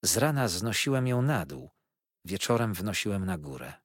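A man narrating a novel in an expressive, wistful storytelling voice. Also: deep voice, normal speed, no room sound, clean studio sound. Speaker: audiobook narrator.

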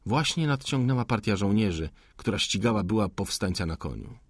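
Male narrator, audiobook, measured deliberate reading, low voice, dry close recording. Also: expressive, slightly rough, no echo.

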